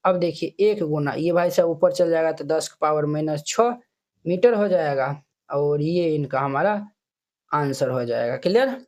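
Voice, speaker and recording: A male math teacher with a somewhat high, slightly mellow voice speaks at a normal speed while working through textbook exercises. He counts the digits aloud one at a time and checks that his students keep up in this classroom tutorial.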